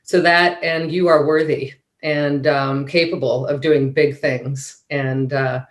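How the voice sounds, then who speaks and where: Flat-voiced woman panelist, echoey room. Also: sits low, slow pace. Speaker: panelist, executive. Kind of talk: reflective panel answer. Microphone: video call. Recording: echoey room on a video call.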